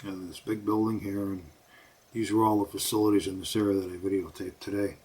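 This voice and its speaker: A man's voice: low voice, flat delivery, fairly quick, husky. A man vlogging while he hikes through the woods exploring old mine sites, thinking aloud and guessing at what he finds. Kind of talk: vlog narration while hiking. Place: outdoors in the woods on a mountainside. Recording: loud outdoor background noise.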